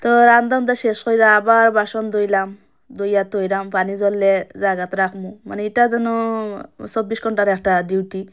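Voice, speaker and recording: A young woman speaks with a Sylheti accent in a chatty, matter-of-fact way. Her pitch sits in the middle and stays level, with little rise or fall. She sounds like she is talking while busy at home. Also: flat delivery, brisk, clear, resonant tone. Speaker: vlogger. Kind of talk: casual home vlog narration. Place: home kitchen.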